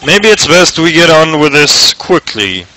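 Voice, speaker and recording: A man voicing a stern judge who gives brisk, formal directions. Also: on the high side, very animated, rough recording. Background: game music.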